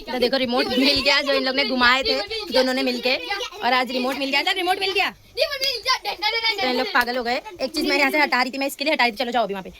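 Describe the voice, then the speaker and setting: A woman's voice: sits high, steady tone, fast. A woman who is a mother, chatting casually to her phone camera in her home kitchen, teasing her son and talking through her chores. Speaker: vlogger, mother. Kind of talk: casual home vlog narration. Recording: noisy home recording.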